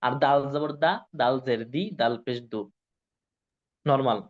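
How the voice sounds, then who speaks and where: A man's voice: medium pitch, fairly even intonation, a little slow. A man teaching Quran recitation to a class, drilling syllables and often checking whether his students follow. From Bangladesh. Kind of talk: classroom lesson. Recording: dull lo-fi sound.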